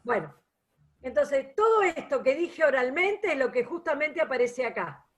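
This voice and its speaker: A woman's voice: high-pitched, big pitch swings, normal speed. A woman teaching a math class online, patient and explanatory, often checking that students follow.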